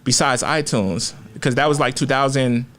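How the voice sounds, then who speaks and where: A rapper from Oakland, California, is a guest in a casual interview, talking candidly with heavy profanity and slang. His voice is medium-pitched and a bit bright, at a normal speed.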